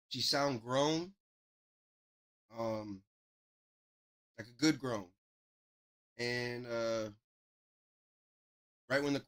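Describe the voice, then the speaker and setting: A man with a slightly high, fairly bright voice hosts a music review livestream, offering casual, slangy, off-the-cuff commentary on songs in an informal way. The tracks under review play behind his voice.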